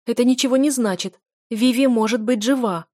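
A woman plays a tearful young wife pleading with urgent hope, her voice slightly high, darkish in tone, and pitched a bit above her natural register while staying close to everyday speech. She speaks at normal speed in a dry, clean studio recording.

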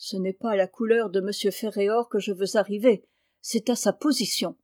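A woman's voice: mid-range voice, fairly even intonation, moderate pace, a little mellow, dry recording, studio quality, close to an everyday voice. A woman voicing a sullen, ambitious schoolboy who scorns farm work.

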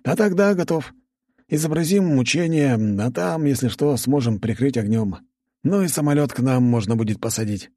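A man's voice: mid-range voice, expressive, moderate pace, mellow, dry recording, studio quality, voice pushed up, close to an everyday voice. A male narrator voicing a wry, joking young aristocrat in an audiobook, in a raised register.

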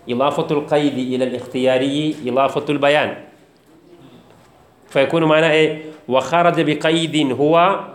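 A man's voice: a little high, roomy sound. Sheikh quizzing his class. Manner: repeats key phrases and quizzes students, jokes. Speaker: teacher of Islamic theology. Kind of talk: classroom text lecture.

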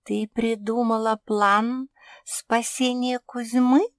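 A woman voicing a kind, helpful female crow fairy who talks calmly and gently. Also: a little high, slow, no room sound, clean studio sound, voice pushed up. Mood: gentle.

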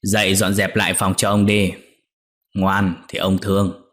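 A man's voice: deep voice, level tone, a little slow, a bit bright. Man playing a leering, menacing old master. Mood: threatening. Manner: sly, gloating, threatening.

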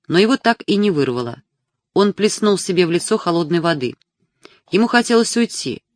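An audiobook narrator reading literary prose in a measured, even storytelling manner. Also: mid-range voice, no room sound, studio quality.

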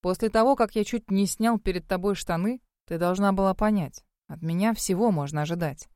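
A woman's voice: mid-range voice, fairly quick, darkish tone, dry recording, studio quality, close to an everyday voice. A woman doing a cheeky cursed young man. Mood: good-natured. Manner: easygoing, cheeky. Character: good-natured young man under a curse, not fully human.

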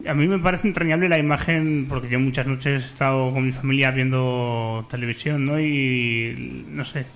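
A man co-hosting a radio show, relaxed and a bit hesitant, with fillers. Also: medium pitch, normal speed. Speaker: radio co-host. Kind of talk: casual radio chat.

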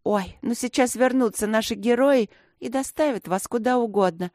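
A woman voicing a sharp-tongued, mocking teenage schoolgirl who taunts in a sing-song way in a storybook reading. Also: medium pitch, steady tone, a little fast, no echo, clean studio sound, close to an everyday voice.

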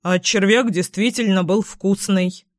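A woman's voice: medium pitch, fairly even intonation, measured pace, close to an everyday voice. A woman voicing a sly, joking male ruff fish who excuses himself in a storybook.

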